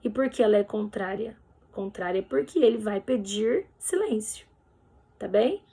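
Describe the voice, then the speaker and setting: A woman's voice: medium pitch, expressive, measured pace, vocal fry, dark tone, slightly rough. A woman teacher with a Brazilian Portuguese accent, going over exercise answers in a recorded lesson. She explains patiently and keeps checking in with her students. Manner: patient, explanatory, ends phrases with "tá bem?".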